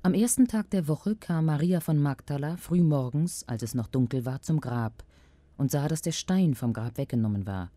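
A woman reading scripture aloud as a lector, with a measured, solemn delivery. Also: sits low, expressive, dark tone, no room sound.

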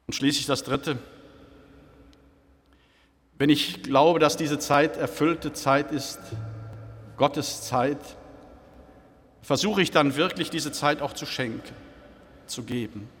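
A man preaching a sermon in a church, slow and reflective, posing question after question to the congregation. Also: fairly high pitch, fairly bright tone. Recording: church hall with long reverb.

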